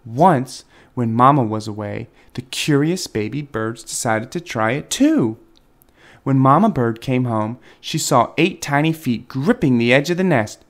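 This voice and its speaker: A man reading a children's picture book aloud in a gentle, expressive storytelling manner. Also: mid-range voice, a little slow. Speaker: storybook reader, dad.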